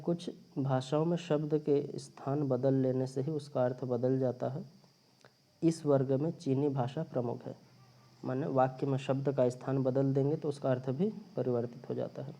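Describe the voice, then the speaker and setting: A man's voice: medium pitch, steady tone, moderate pace, creaky, warm tone. A man teaching a recorded grammar lesson, explaining step by step and repeating his points. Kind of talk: recorded linguistics lecture. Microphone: phone or screen recorder.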